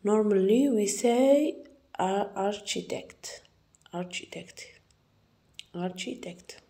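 A young woman teacher with an Algerian accent goes through an exam correction, slowly repeating each word to model its pronunciation. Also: medium pitch, warm tone. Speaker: English teacher.

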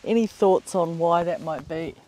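A man's voice: fairly high pitch, normal speed, darkish tone, low-quality recording. A man casually relaying questions as an off-camera host, recorded outdoors. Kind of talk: casual live question reading. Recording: outdoor recording, faint background noise.

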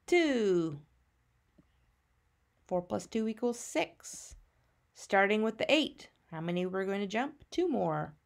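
Slow-paced woman teaching a child to count. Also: mid-range voice, creaky. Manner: patient, simple step-by-step, teaching a child to count; question-and-answer phrasing. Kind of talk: maths lesson narration for young children.

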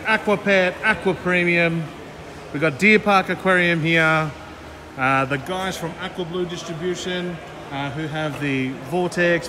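A man, vlogging a chatty walkaround of an aquarium expo on a handheld gimbal camera. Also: a little high. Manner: upbeat, chatty, fast run-through of booths. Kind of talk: walkaround vlog. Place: large indoor expo hall. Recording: noisy hall with background chatter.

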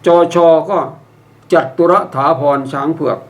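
An older man teaching how to write and read a eulogy, explaining step by step with wry examples and polite phrasing. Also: unhurried. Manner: polite, ends phrases with a courteous particle. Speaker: public speaking instructor. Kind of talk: instructional talk.

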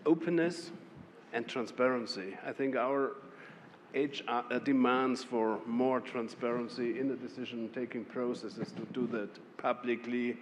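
A man's voice: mid-range voice, muffled recording, noisy background. German-accented man on a conference panel. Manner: measured, with short laughs and restarts. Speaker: Member of the European Parliament. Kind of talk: panel discussion. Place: conference hall. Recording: reverberant hall with faint ambience.

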